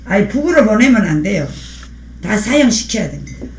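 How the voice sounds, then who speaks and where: A woman's voice: medium pitch, very animated, moderate pace, roomy sound, slight background noise. A woman hosting a live stream, speaking in a fiery, preachy way and thanking viewers by name as she reads their comments. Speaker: livestream host.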